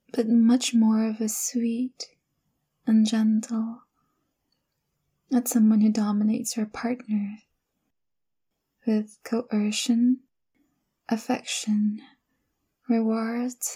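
A young woman breathes her words in a husky, slow whisper, soft and close. Her tone is intimate and coaxing, with a mellow, dark color and little rise or fall. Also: on the high side. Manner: intimate, coaxing girlfriend address. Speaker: ASMR roleplay performer. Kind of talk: whispered ASMR roleplay.

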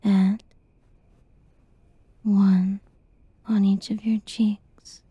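A woman whispering a tender, reassuring girlfriend roleplay in a soft, soothing ASMR style. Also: mid-range voice, flat delivery, drawn-out words, breathy edge, dry recording.

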